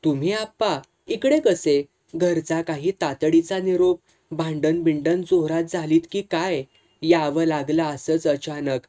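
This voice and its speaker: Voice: medium pitch, steady tone, measured pace, mellow, close to an everyday voice. A reader voicing a worried, earnest young clerk full of questions. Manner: anxious questioning.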